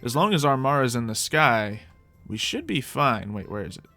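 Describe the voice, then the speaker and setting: With soft background music, a man narrates a Minecraft let's play in a mid-range, pushed and bright voice, very animated and at a moderate pace. As host, he rambles casually and playfully, thinking out loud.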